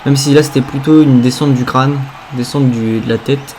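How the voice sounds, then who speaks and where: A man's voice: medium pitch, steady tone, moderate pace, darkish tone. A man doing play-by-play wrestling commentary on a video game match, reacting to each move with exclamations. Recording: clear background noise.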